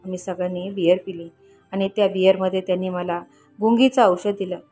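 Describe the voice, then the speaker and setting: A woman's voice: fairly low pitch, fairly even intonation, brisk, warm tone, faint music behind. A woman narrating a first-person story in an earnest, confiding way, voicing the lines of the people in it.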